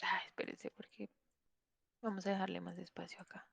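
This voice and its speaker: A woman's voice: medium pitch, level tone, moderate pace, gravelly, fairly bright tone, husky, dry recording. A woman teaching an online English class, explaining patiently and checking in often with her students.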